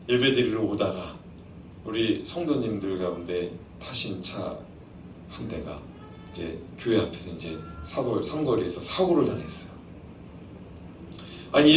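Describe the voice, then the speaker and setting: A man preaching a sermon as pastor in a church, animated, acting out voices and questioning his congregation. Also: medium pitch, roomy sound, recorded from a distance, slight background noise. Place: church sanctuary.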